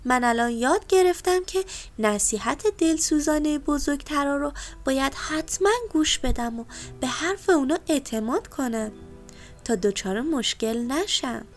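A woman voicing a small, anxious little rabbit in a bedtime story, with a pleading, squeaky, eager way of speaking. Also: animated, faint music behind. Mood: remorseful.

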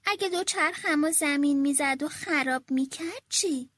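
High, bright woman reading a children's story. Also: no echo, clean studio sound. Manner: expressive, animated first-person telling.

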